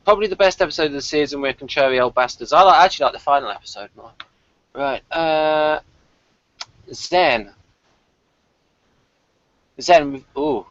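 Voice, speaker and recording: Here a British man co-hosting a podcast review chat sounds a little high and fairly bright, talking at normal speed but pausing often. He is casual, hesitant and rambling with a dry wryness, and partly reads from notes. The audio is echo-free but slightly dull and lo-fi.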